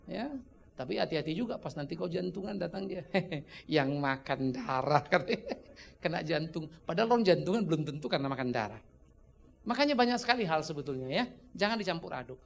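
Lively preacher with a gravelly voice. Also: male voice, on the high side, fairly quick. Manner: animated, joking, acts out dialogues. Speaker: pastor. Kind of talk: conversational sermon. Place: church.

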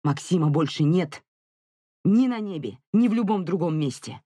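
An audiobook narrator voicing a furious, grieving young mother who shouts and accuses, near hysteria. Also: mid-range voice, animated, measured pace, slightly rough, dry recording, studio quality. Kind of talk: audiobook character reading.

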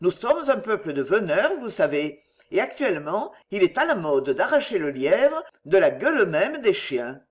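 A man voicing a jaunty, sporting young English lord in an audiobook, with a pleasant warm voice. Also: high-pitched, very animated, normal speed, hardly any pauses.

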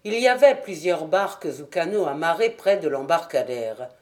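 Brief: female audiobook reader, steady and clear narration. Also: lowish voice, normal speed. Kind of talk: scripted narration.

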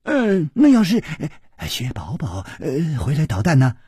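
男人演的结结巴巴的年轻剑客. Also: male voice, fairly high pitch, huge pitch swings, measured pace, mellow, breathy edge, no echo, studio quality, heavily acted. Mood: nervous. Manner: stammering, nervous, awkward laughing. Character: charming young male swordsman, flustered. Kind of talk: storytelling character voice.

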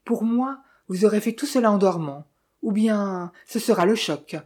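This audiobook character voice, read by a woman, is a gossip-loving village innkeeper given to sly teasing and knowing remarks. It sounds mellow and a touch husky at medium pitch and normal speed, lightly acted and confiding in mood.

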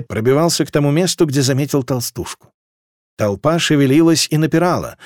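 A male narrator reading a fantasy novel aloud, his voice rising and falling freely from line to line. His delivery is dramatic and expressive. The recording is close and dry, with no room sound. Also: medium pitch, no room sound. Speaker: audiobook narrator.

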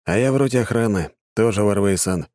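A man playing a quiet, reserved recruit. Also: fast, close to an everyday voice. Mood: low-key. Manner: short, low-key replies. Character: quiet male recruit, reserved and plain-spoken. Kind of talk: audiobook narration with voices.

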